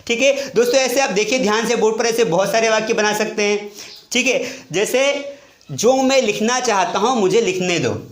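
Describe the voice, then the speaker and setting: A man, teaching a lively whiteboard English grammar lesson in a classroom and often asking questions of his students. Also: high voice, normal speed. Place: classroom with board. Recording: echoey room.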